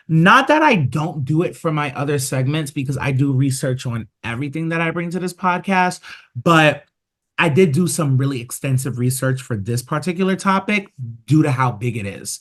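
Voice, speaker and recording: A man's voice: on the high side, fairly bright tone. A man hosting his podcast in casual solo talk, chatty and dotted with filler sounds. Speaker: podcast host.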